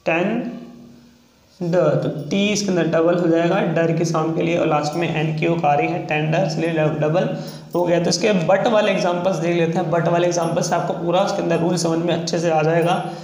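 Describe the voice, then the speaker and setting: A male shorthand teacher with a Hindi accent, explaining rules slowly and drawing out each example word. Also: on the high side, steady tone, gravelly, darkish tone, reverberant, rough recording. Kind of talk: slow explanatory lesson.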